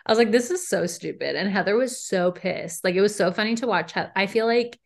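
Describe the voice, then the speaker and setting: A young woman co-hosting a podcast in casual chat, animated, with lots of "like" and "um". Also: medium pitch, a little fast, vocal fry. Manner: animated, frequent "like" and "um", laughs between lines. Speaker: podcast co-host.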